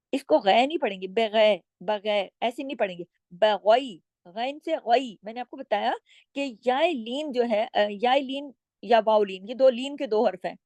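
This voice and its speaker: A woman teaching Quran recitation rules. She explains patiently, stretches each example word out slowly, and often checks in with her listeners. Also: a little high, a little mellow, no room sound. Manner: draws out words slowly when demonstrating. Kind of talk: recitation lesson with slow demonstrations.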